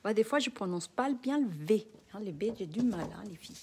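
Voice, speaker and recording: A woman's voice: medium pitch, expressive, fairly quick, mellow, slightly rough. A woman with a non-native French accent hosting a live craft tutorial, chatting with her viewers as she shows each step. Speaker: craft demonstrator.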